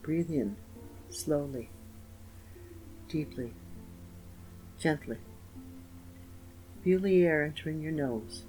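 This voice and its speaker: A man's voice: on the high side, expressive, low-quality recording. Soothing man guiding meditation over music. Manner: slow, gentle, soothing delivery with pauses. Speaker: guided meditation narrator. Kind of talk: scripted guided meditation. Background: soft instrumental music with guitar.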